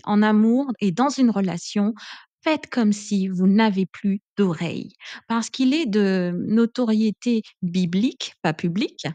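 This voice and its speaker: Casting: woman relationship coach, emphatic and chatty, mid pitch, dry close sound. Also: warm tone, no echo. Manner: emphatic, chatty, full of asides like "hein". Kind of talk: advice vlog monologue.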